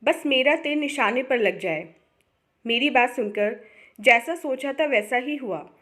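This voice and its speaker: A woman storyteller reading a first-person family story aloud. Her voice is high-pitched and her delivery calm and steady. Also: unhurried.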